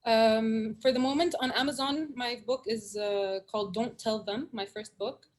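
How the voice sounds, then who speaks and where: A woman from Syria, a poet, talking over a video call and then reading spoken word poetry in an earnest, measured way with dramatic repetition. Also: a little high, fairly even intonation.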